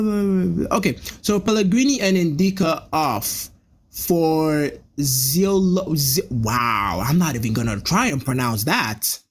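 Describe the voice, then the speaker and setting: A man hosting a live football watch-along, chatting casually to viewers and getting excited when a chance comes. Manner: chatty, jumping up in pitch at chances on goal. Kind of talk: casual live match commentary to a chat.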